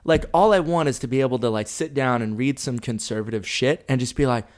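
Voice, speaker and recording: A young man co-hosting a podcast in casual chat, swearing freely and animated. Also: medium pitch, brisk. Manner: profane, animated, laughs often. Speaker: podcast co-host.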